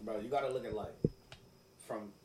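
A man's voice: lowish voice, steady tone, moderate pace, a little mellow. A man debating casually with friends, slangy and emphatic, often repeating himself to make his point. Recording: some background noise and room ambience.

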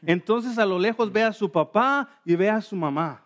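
Preacher with a high voice. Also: male voice, normal speed, fairly bright tone. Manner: storytelling, asks the congregation questions. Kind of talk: sermon in Spanish with live interpretation.

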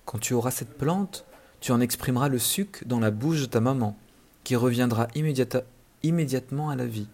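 A man voicing a kind female fairy in a storybook reading, speaking softly and gently. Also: medium pitch, brisk, natural voice. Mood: gentle. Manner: soft, gentle.

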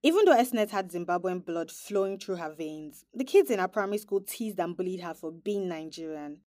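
A woman hosting a podcast, narrating in a reflective, measured scripted style. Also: on the low side, lively intonation, mellow, dry recording, clean studio sound. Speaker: podcast host.

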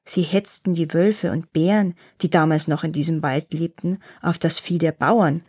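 A woman voicing a wise old grandfather gnome who tells old tales in a calm, measured way, reading a fairy tale aloud. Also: low-pitched, husky. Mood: telling. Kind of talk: storybook reading.

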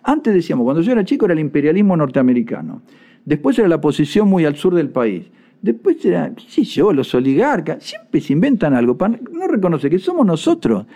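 A man's voice: on the high side, sing-song, brisk, dark tone. An older man with an Argentine accent giving indignant, sarcastic political commentary. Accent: Argentine Spanish. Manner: indignant, sarcastic, mocks people in put-on voices. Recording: dull lo-fi sound.

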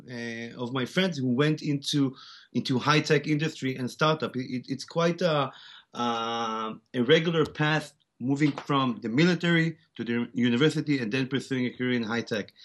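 An Israeli startup founder in his forties, speaking with an Israeli accent, is a guest in an interview conversation, hesitant and full of fillers and restarts. His voice is medium-pitched and a bit bright.

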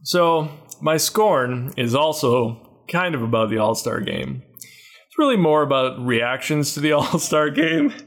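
A man co-hosting a casual hockey podcast, his voice sitting a little high for a man. He talks in animated bursts, laughs often and slips into mocking asides. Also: a little slow. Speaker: podcast co-host. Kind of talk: casual sports chat.

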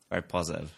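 A man hosting a casual podcast chat, relaxed and quick to laugh. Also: low voice, creaky, slightly rough. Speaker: podcast host. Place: home in Belgium.

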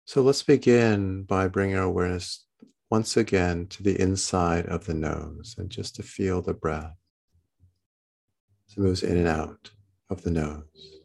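Deep, creaky, calm meditative man. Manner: gentle, unhurried instruction with short phrases. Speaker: meditation teacher. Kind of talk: guided body-scan meditation.

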